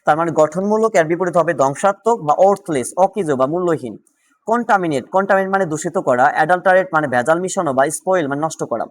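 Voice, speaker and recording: Higher-voiced Bangladeshi Bengali teacher. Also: male voice. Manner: drills words with quick question-and-answer; louder and more animated when solving questions. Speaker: vocabulary teacher. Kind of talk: exam-prep lesson.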